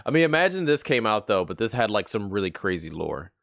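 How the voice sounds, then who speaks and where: A man's voice: lowish voice, sing-song, fast talker, creaky, a bit bright, no echo, clean studio sound. A man streaming live, chatting casually and rambling as he reacts to a video. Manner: rambling, laughs often, mock voices when quoting.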